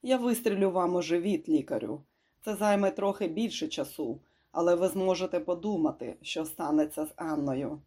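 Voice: mid-range voice, moderate pace, mellow, natural voice. The audiobook narrator voicing a brutal, sadistic male gangster boss in a raised, taunting, snarling voice. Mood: cold threat.

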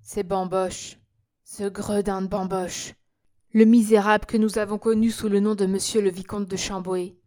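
A woman voicing a hypnotized prince who gives slow, halting answers in a trance in an audiobook. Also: medium pitch, flat delivery, darkish tone, natural voice. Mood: entranced. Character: hypnotized prince, grown man, dazed and obedient.

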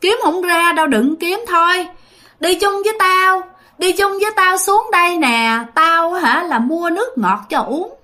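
A coaxing old ghost woman with a Northern Vietnamese accent, as a woman narrator puts her on, raised high and sing-song as she mocks and lures. Her taunts repeat themselves. She swings widely in pitch. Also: animated, measured pace, bright, forceful tone, heavily acted. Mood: coaxing menace. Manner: mocking, coaxing, repeats herself.

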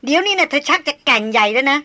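A woman reading an audiobook, voicing a young man who protests in a loud, flustered way. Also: fairly high pitch, lively intonation, normal speed, no room sound, studio quality. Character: young man, exasperated friend.

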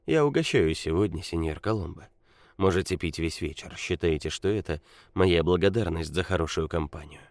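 A man doing a soft-spoken mafia adviser. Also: sits low, expressive, normal speed, no echo, studio quality. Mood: smooth, probing. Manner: quiet, polite, insinuating. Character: cool, calculating male mafia consigliere.

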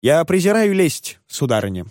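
A man playing a sly, gallant traveling salesman who speaks knowingly and soothes with flattery, his lines lively in pitch. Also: moderate pace, no echo, studio quality.

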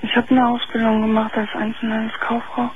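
Over a muffled phone line with faint hiss, a caller in her twenties speaks on a radio talk show, hesitant and full of fillers. Her fairly high voice is monotone and brisk, sounding faint and thin.

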